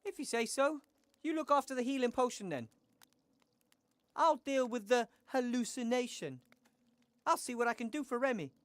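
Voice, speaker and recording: A woman's voice: on the high side, animated, normal speed, pauses often, no room sound, natural voice. A woman playing an earnest, determined heroine in a fantasy adventure game, speaking directly and politely. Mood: insistent. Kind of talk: acted adventure game dialogue.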